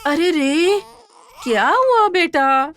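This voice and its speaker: A woman's voice: high voice, very animated, brisk, fairly bright tone, slight background noise. A woman playing a cruel stepmother in a TV serial, harsh and scolding toward her stepdaughter. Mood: cooing. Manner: harsh and scolding, cooing to the baby. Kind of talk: Hindi TV serial acting.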